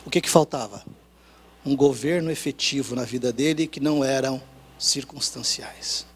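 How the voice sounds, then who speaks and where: A man with a Brazilian Portuguese accent preaching a sermon, telling a personal story with acted dialogue and swinging from hushed lines to loud, rising ones. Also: mid-range voice, moderate pace, slight background noise. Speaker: pastor.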